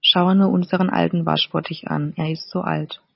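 A woman's voice: lowish voice, steady tone, moderate pace, vocal fry, husky, no room sound. A woman voicing a nagging, greedy fisherman's wife who scolds and demands, in a storybook reading. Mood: scolding. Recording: slightly dull, dry recording.

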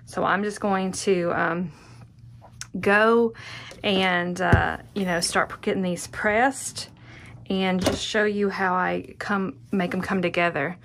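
A woman's voice: on the low side, fairly even intonation, slow, a bit bright. A middle-aged woman giving an informal step-by-step craft tutorial, thinking aloud as she works. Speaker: quilting instructor. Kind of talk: casual step-by-step tutorial narration. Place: indoor home sewing room. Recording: clearly noisy home sewing-room recording.

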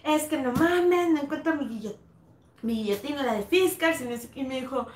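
A woman's voice: sits high, brisk, distant mic. A woman with a Mexican accent chatting casually, swearing freely and acting out what other people said. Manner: swears often, acts out quoted lines, animated storytelling. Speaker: co-host. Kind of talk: casual chat. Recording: echoey room with faint noise.

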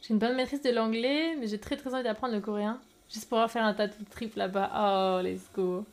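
A young French woman chatting casually with viewers on a live stream, lively and quick to laugh. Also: fairly high pitch. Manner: lively, giggly, reacts to chat.

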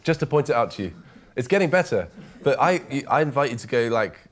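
A man giving a one-on-one music masterclass, animated and searching for words as he coaches, often restarting his phrases. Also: mid-range voice, brisk.

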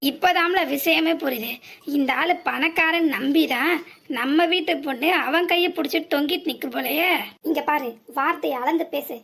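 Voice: high-pitched, moderate pace, vocal fry, a bit bright. A voice actor playing a confrontational young cartoon hero who threatens the men blocking him, with a southern Tamil accent. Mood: defiant. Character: bold young man defending a girl. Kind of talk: cartoon voice acting.

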